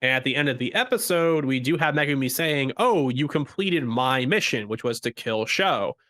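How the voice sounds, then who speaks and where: A man's voice: mid-range voice, animated, moderate pace, fairly bright tone. Argumentative man podcast co-host. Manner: argumentative, lays out his case step by step. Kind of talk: casual chat.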